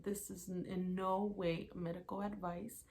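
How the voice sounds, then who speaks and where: Here a YouTuber, a young woman, tells her channel a casual vlog story, working through her notes one day at a time and filling gaps with frequent fillers. Her voice sits fairly low with little pitch variation, a measured pace, and a somewhat dark tone, over faint hiss or hum.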